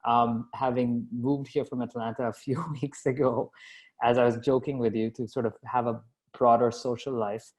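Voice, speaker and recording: A man's voice: mid-range voice, level tone, moderate pace, darkish tone. A man who grew up in Dubai, a company founder answering interview questions in a chatty, self-deprecating way with lots of fillers and restarts. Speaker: company founder and CEO, guest. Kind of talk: casual interview conversation.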